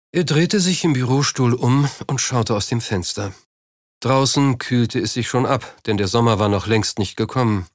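A man reading a novel as audiobook narrator in a steady, measured way. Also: medium pitch, dry recording, clean studio sound.

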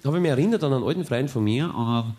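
A man with a Viennese Austrian German accent telling a dry, deadpan cabaret monologue. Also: mid-range voice, quick pace, background noise. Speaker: cabaret comedian.

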